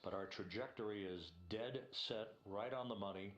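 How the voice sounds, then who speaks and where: A man giving live spaceflight commentary from mission control in a measured, explanatory way. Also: fairly low pitch, a bit bright, roomy sound.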